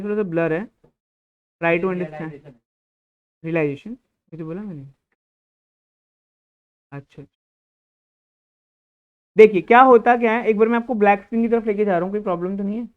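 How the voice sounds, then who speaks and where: A man's voice: sits high, moderate pace, pauses often, clean tone. A man teaching an accounting class, who poses questions and answers them himself. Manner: explains by asking and answering his own questions; scolds a student. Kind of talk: classroom lecture. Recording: tinny, phone-like lecture recording.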